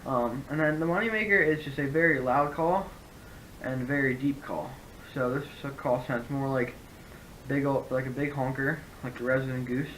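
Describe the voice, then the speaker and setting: Man giving a casual review, noisy rumbly recording. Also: moderate pace, fairly bright tone. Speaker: hunting gear reviewer. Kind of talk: casual product review to camera.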